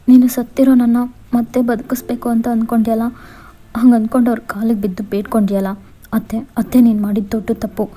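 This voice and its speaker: A woman voicing a young fiancée in a Kannada fan-fiction audio story, explaining things in a hushed, earnest way. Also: on the high side, natural voice. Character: young woman, dead fiancée, calm and urgent.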